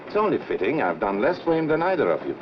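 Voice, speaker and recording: An actor playing a courteous, formal European man in a 1940s film, polite and smooth-mannered. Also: mid-range voice, huge pitch swings, fast. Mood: courteous, persuasive. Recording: muffled, noisy old film soundtrack.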